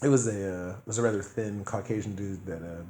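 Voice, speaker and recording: A man in his thirties co-hosting a podcast, telling a story in casual, profane chat and acting out the people he quotes in loud bursts. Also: on the low side, fairly quick, reverberant, slight background noise. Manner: profane, animated, acts out quoted voices loudly. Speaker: podcast co-host.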